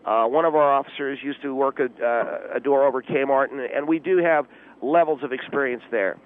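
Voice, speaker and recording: A man at medium pitch plays a self-important, clueless volunteer auxiliary policeman calling in on a tinny, narrow phone line. Officious and confident, he stumbles through pompous pseudo-tactical jargon with hesitant, filler-laden delivery in a deadpan comic radio call-in.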